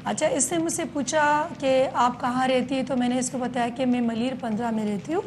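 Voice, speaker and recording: A woman police station chief giving a news interview, explaining in detail with frequent hesitant pauses. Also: high-pitched, fairly even intonation, noisy background.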